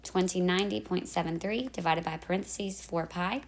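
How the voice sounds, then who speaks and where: At home in the evening, a woman teacher who is losing her voice walks through math problems step by step, talking through calculator steps and correcting herself as she goes. Her voice is fairly low at a normal speed, with a little hiss or hum in the audio.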